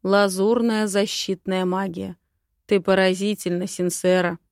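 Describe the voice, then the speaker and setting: A woman's voice: mid-range voice, flat delivery, unhurried, no room sound, clean studio sound, close to an everyday voice. A woman voicing a brash, teasing young male huntsman-steward in an audiobook, with a smug manner. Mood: admiring.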